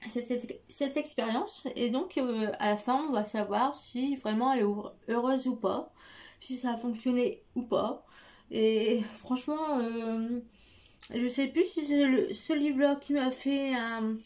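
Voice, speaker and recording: A woman's voice: a little high, unhurried, a little mellow. A woman chatting casually to camera as a book vlogger, hesitant and rambling, lisping from a newly fitted dental retainer. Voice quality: lisp from a recently fitted dental appliance. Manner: hesitant, rambling, often repeating words. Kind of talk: casual chat to camera, book review vlog.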